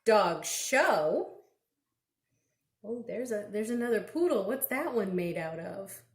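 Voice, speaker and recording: A woman of medium pitch reads slowly with lively intonation to an audience of small children. As a children's librarian, she reads expressively and prompts them with simple questions. The sound is roomy, with indoor echo.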